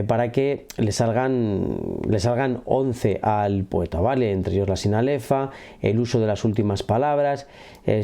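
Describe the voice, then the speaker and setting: A man teaching a literature lesson, explaining rhyme and verse step by step, often stopping to check that his listeners follow. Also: mid-range voice. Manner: lively, keeps checking in with listeners. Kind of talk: classroom lesson explaining a poem.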